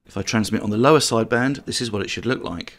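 A man's voice: fairly low pitch, fast talker, fairly bright tone. A man giving a friendly, step-by-step tutorial on amateur radio. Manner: plain, friendly step-by-step explaining, speaking test counts on air. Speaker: amateur radio course instructor. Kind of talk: explanatory tutorial narration.

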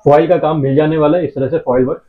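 A man showing fabrics in a shop, giving a steady sales pitch and repeating his phrases. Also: fast. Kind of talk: showing products on camera. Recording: tinny phone-like sound.

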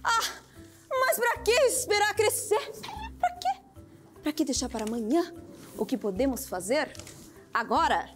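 A woman's voice: high voice, big pitch swings, a little slow, long pauses, faint music behind. An actress playing a fussy, list-obsessed woman doctor in a children's show, speaking in a theatrical, exclamatory way. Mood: excited.

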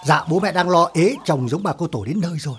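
A man's voice: a little high, lively intonation, fast talker, a bit bright, slight background noise. An actor playing a fawning young village man who gives a tip over the phone, eager and obsequious. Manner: obsequious, keeps saying "dạ".

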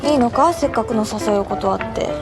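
A woman's voice: fairly high pitch, slow. A woman acting in a drama clip, voicing a character who is a teen girl in a middle-aged father's body, with music playing behind. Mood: teasing.

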